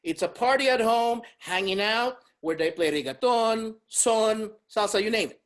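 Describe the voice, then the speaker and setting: A man from the Dominican Republic is a podcast guest in casual chat, rambling with lots of fillers and laughing often. His voice is high-pitched and his pace moderate.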